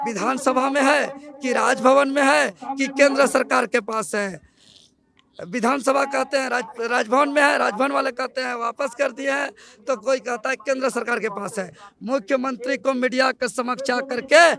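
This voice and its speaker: Brief: fiery protest leader, man, shouted repetitive lines, loud crowd behind. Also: very high-pitched, creaky. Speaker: protest leader speaking to press.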